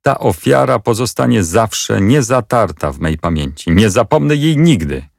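A man's voice: fairly low pitch, animated, moderate pace, creaky, dry recording, clean studio sound. A man voicing an indignant young king, commanding and outraged. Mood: grieving, vengeful. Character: indignant boy king, proud and wrathful.

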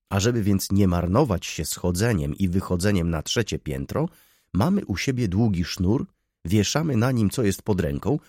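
Male reader as smug student lodger: syrupy politeness, low and animated, dry close mic. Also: no room sound. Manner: sugary, mock-courteous. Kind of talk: audiobook reading.

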